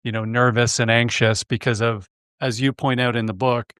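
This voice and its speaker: A man's voice: mid-range voice, flat delivery, normal speed, a bit bright, smooth, no echo, clean studio sound. A man hosting a sales podcast, interviewing a guest in a conversational, engaged way. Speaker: podcast host.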